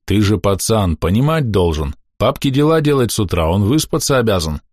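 A man playing a burly peasant father who is gruff but mild and tired. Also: fairly low pitch, sing-song, a little fast, darkish tone, no echo, studio quality.

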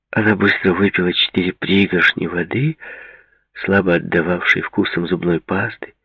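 A man narrates a novel in a measured, even reading, his lowish voice gravelly and husky. The booth sounds dry, with no room echo, and the recording is a little dull and lo-fi. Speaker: audiobook narrator. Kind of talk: scripted narration.

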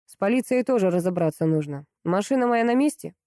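A woman's voice: mid-range voice, lively intonation, a little fast, mellow, no room sound, studio quality, lightly acted. A woman doing a growling, domineering boss. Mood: stern. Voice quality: growling, gruff. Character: angry blunt rich man, domineering boss.

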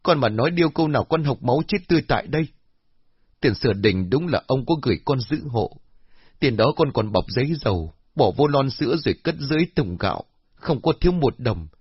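A man's voice: a little high, lively intonation, a little fast, slightly rough, dry recording, pitched above the performer's own voice. A man doing a tearful, pleading young village woman. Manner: pleading, tearful, swearing her innocence. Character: distressed young village woman, daughter of the deceased. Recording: dull lo-fi.

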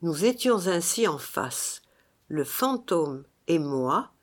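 A woman's voice: fairly low pitch, very animated, slow pace. A woman reading a gothic tale aloud as narrator, in a dramatic, theatrical way.

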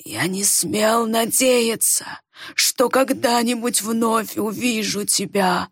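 A woman reading an audiobook, voicing an older father with slow, drawn-out, pleading speech. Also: on the high side, fairly even intonation, fairly bright tone, breathy edge, no echo, clean studio sound, full character voice. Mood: tender.

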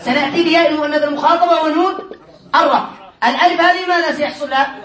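A man teaching a grammar class, questioning his students by name in a brisk, teasing way. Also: extremely high pitch, steady tone, fairly bright tone. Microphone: distant room mic. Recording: echoey classroom, voice from far off.

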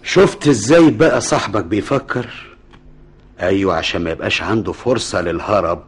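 A smug streetwise egyptian hustler in a radio play, husky voice. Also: male voice, on the low side, fairly quick. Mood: smug, scheming. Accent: Egyptian Arabic. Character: sly, confident male schemer. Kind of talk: radio drama acting.

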